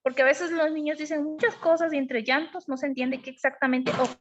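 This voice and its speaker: High-voiced woman teaching a parenting class. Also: fairly even intonation, brisk, a little hiss or hum. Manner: explanatory, asks frequent checking questions. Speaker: parenting educator. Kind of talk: online class on emotional parenting. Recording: dull lo-fi sound.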